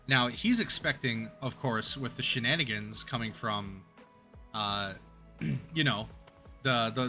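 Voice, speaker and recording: A young male streamer with a bright, forceful tone talks in a loose, casual way. He rambles, restarts his sentences and chuckles as he goes. His pitch sits in a middle register. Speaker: game streamer. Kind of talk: casual live-stream chat and joke telling.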